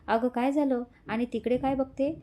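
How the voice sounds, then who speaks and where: A woman's voice: high-pitched, fairly even intonation, moderate pace, dark tone, lightly acted. A woman voicing a caring, soothing young friend. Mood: puzzled. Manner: soothing, a little scolding.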